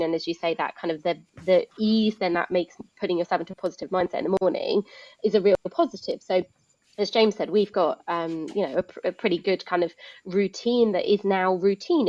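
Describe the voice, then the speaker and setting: Chatty woman with a low voice. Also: a little mellow, dull audio. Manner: chatty, explanatory, many fillers. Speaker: guest speaker. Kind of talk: live webinar talk. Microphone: video call.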